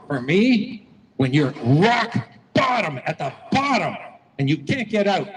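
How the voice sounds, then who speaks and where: A man's voice: high voice, very animated, a little slow, big-room sound, slight background noise, rough recording. A man giving a folksy, repetitive motivational speech to a crowd at an outdoor rally, telling stories as he goes. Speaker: rally speaker. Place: outdoor public square rally.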